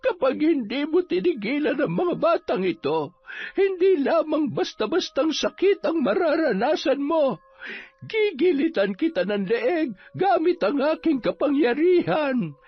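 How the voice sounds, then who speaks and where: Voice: high-pitched, dull audio. Narrator acting stern, menacing old folk healer. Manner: commanding, threatening, deliberate. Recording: band-limited audio with music behind.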